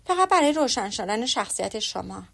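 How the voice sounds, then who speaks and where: A woman's voice: fairly high pitch, creaky, exaggerated voice. Elizabeth, a witty teasing young woman, read by a woman. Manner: lively, teasing.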